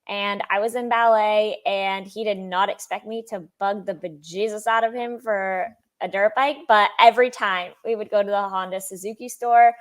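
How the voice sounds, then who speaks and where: Speaking as a guest in an interview, this sponsored athlete, a young woman with a high-pitched voice, walks through her life story. She comes across lively and talkative, frequently laughing and playing out other people's lines.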